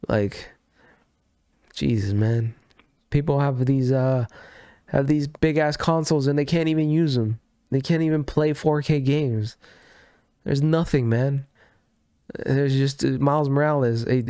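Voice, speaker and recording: A man with a congested, stuffy voice hosts a solo gaming news show in loose, rambling commentary. He corrects himself mid-sentence and swears without a second thought. His voice sits at an ordinary pitch and is recorded dry and close, with no room sound. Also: a little mellow, no room sound. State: sick and congested. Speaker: gaming news podcast host.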